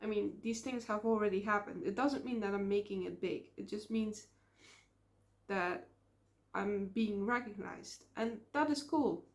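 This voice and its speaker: In a laid-back vlog, a young woman from the Netherlands addresses the camera with a Dutch accent and mid-range voice, reflecting earnestly and often stalling on fillers. She runs a small YouTube channel.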